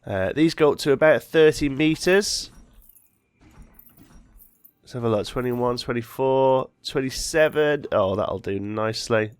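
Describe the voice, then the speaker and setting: A man hosting a let's play, slightly congested from a cold, thinks out loud as he builds and often revises what he's saying midway. His medium-pitched voice is clean, recorded dry at studio quality.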